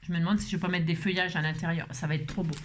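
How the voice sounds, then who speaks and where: A woman's voice: lowish voice, steady tone, rapid-fire. A woman hosting a craft tutorial, chatting playfully to herself and her viewers and breaking into song.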